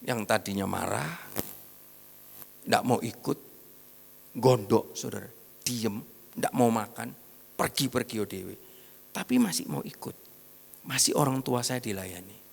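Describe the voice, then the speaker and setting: Middle-aged male preacher, East Javanese accent, mid-pitched and gravelly, storytelling sermon in a reverberant hall. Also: animated, unhurried, long pauses. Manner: storytelling, mixing in regional slang, acting out quoted voices. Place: large church hall.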